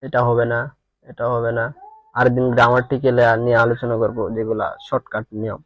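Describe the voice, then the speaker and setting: A man's voice: medium pitch, level tone, fairly quick, dull audio. A man with a Bangladeshi accent teaching exam prep, reading quiz questions aloud and muttering answers to himself, repeating words as he thinks.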